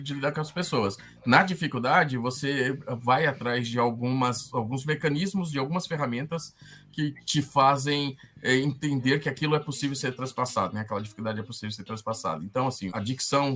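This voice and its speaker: A middle-aged Brazilian man, a podcast guest, talking in a halting way, repeating words and tagging questions onto his sentences. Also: mid-range voice, fairly bright tone, faint music behind. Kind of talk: casual interview conversation.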